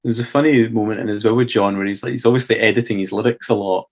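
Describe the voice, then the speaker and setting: A Scottish man with a fairly low voice talks casually as a podcast co-host. He is easygoing and hedges his points with "sort of" and "kind of". He keeps a relaxed, conversational pace. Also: very fast. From Scotland. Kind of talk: casual chat.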